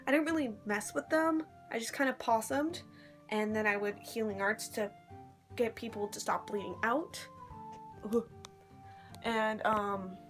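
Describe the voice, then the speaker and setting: A woman's voice: a little high, a bit bright. A woman chatting casually to her phone at arm's length, telling stories in a rambling, slangy way as a vlogger. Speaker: vlogger recounting a live-action role-play event. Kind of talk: casual chat.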